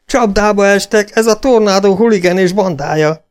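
A man voicing a loud, quarrelsome outlaw in an audiobook, shouting high and hard. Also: level tone, clean tone.

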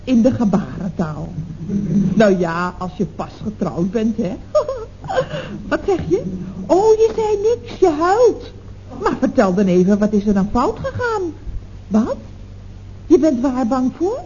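An actress playing a chatty, gossiping office secretary in a 1960s radio comedy, exclaiming down the telephone. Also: female voice, on the high side, sing-song, unhurried, long pauses, warm tone. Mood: gossipy. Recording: dull old radio recording with faint hiss.

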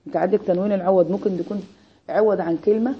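An Egyptian woman teaching a grammar class, her voice slightly husky as she races along at a quick clip. She keeps firing "what?" prompts at her students and waits for them to answer. The recording sounds dull and lo-fi. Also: medium pitch, steady tone. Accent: Egyptian Arabic. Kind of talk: Arabic grammar lesson with call-and-response questions.

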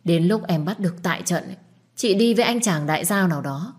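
In audiobook dialogue, a woman with a husky, fairly low voice and lively intonation plays a nosy, blunt young woman. The character is pushy, pestering and quick to scold.

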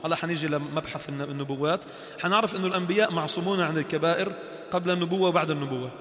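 Levantine male teacher in a mosque, bright and energetic, quizzes the class; roomy hall reverb. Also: fairly high pitch, very fast. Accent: Levantine Arabic. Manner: animated, acts out little scenes and asks the class questions. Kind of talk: classroom religious lesson. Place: large echoey mosque hall.

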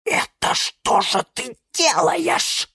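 Reader doing a squeaky panicky lemon tree guy, shrieks way up high, dry sound. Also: animated, unhurried, no echo. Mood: alarmed. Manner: shrill, frantic, often shouting or hissing. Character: fussy male lemon tree, anxious and scolding. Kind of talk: children's audiobook reading.

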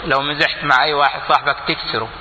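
A man preaching a sermon, impassioned, with loud exclamations and low asides, coughing now and then. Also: steady tone, rapid-fire, background noise. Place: large hall before a crowd. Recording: echoey hall, long reverb, faint ambience.

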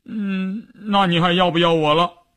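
A man's voice: high-pitched, steady tone, measured pace, a bit bright, pitched above the performer's own voice. A man putting on a sobbing young woman. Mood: plaintive. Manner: sobbing, whiny, demanding. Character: crying young woman scolding her commander.

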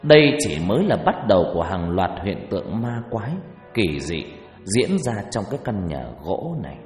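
A man narrating a first-person ghost story with animated, dramatic delivery, in an echoey room with faint music behind. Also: on the low side, moderate pace.

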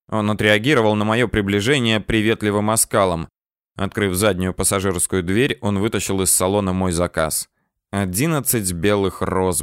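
A man reading a first-person novel aloud as an audiobook narrator, steady and even. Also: on the low side, smooth, no echo, clean studio sound.

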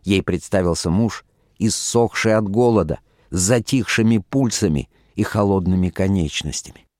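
A man narrating an audiobook in a measured, ironic storytelling manner. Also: low-pitched, darkish tone, dry recording, clean studio sound.

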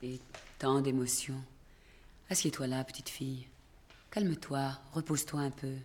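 A woman's voice: very deep voice, steady tone, a little slow, a little mellow. An actress playing a soothing, motherly woman at the circus, heard from a little distance.

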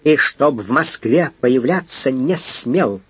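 A man's voice: mid-range voice, animated, takes it slowly, fairly bright tone, husky, no echo, heavily acted. A man voicing a proud, capricious young lady who speaks haughtily and indignantly, in an audiobook.

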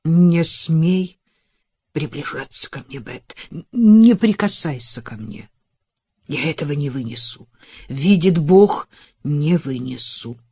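Woman reading as an anguished, shouting husband. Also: deep voice, expressive, slow pace, slightly rough, heavily acted. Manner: pleading, crying out, raised voice. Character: anguished heartbroken husband, desperate and bitter.

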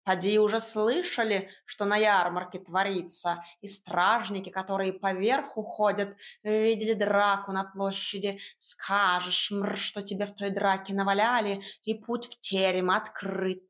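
A woman voicing a grumpy, bossy male talking cat in an audiobook, with a gruff, scolding drawl. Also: mid-range voice, little pitch movement, measured pace, few pauses, a bit bright, lightly acted. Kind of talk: audiobook character voice.

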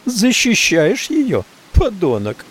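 A man's voice: on the high side, drawn-out words, gravelly, mellow, a little hiss or hum, voice pushed up, full character voice. A man voicing a furious, tearful woman who shrieks insults at the lover who wronged her, in an audiobook. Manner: shrieking insults, then sobbing.

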